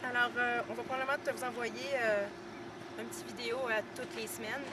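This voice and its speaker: A woman with a Québécois accent speaks in a high, light voice, talking through a casual video diary with chatty pauses and small laughs. She is outdoors, picked up by a camera mic, with loud background noise all around her. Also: level tone. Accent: Québécois French. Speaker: student giving a video tour. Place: outdoors at a horse training center. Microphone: camera mic, filmed by someone behind the camera.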